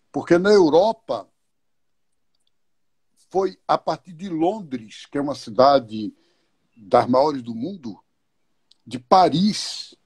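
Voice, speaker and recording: A guest in a live online talk explains his views thoughtfully and unhurriedly, posing questions and offering examples along the way. His voice is on the high side, a little mellow with a breathy edge, and there's no room sound.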